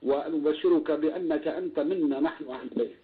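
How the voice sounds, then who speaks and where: A man's voice: on the high side, quick pace. A man from Libya with a Libyan accent, calling in to a live show and speaking in an effusive, reverent manner. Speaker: radio show caller. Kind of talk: phone-in call to a live show. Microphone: phone. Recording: tinny narrow phone line.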